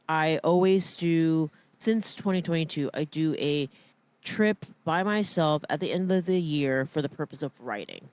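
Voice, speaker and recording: A woman co-hosting a podcast in casual chat, telling stories in a candid, self-deprecating way. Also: sits low. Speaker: podcast co-host, filmmaker.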